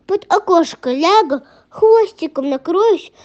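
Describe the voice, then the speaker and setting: A woman's voice: very high voice, expressive, slow pace, a little mellow, full character voice. A young female reader voicing a sly, pushy little female fox in a children's folk tale, wheedling and demanding. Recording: muffled lo-fi recording.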